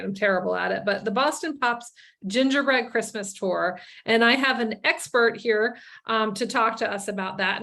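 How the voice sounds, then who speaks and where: A woman runs an online presentation over a video call, talking in a loose and chatty way. She often pauses, says um, and starts her sentences over. Her voice sits at an ordinary pitch for a woman. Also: a bit bright. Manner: chatty, many ums and restarts. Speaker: tour company owner presenting. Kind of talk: casual webinar presentation.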